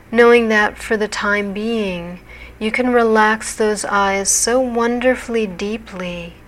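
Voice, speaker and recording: Speaking as a hypnotherapist, a woman with an average-pitched voice narrates a guided hypnosis relaxation session. She talks very slowly and deliberately in a soothing, measured way.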